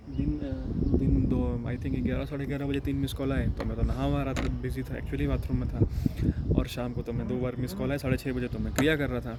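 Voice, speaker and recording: A man's voice: medium pitch, very noisy. Rambling man. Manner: rambling, retells phone calls in quick quoted bits. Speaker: yoga course teacher. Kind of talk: casual monologue.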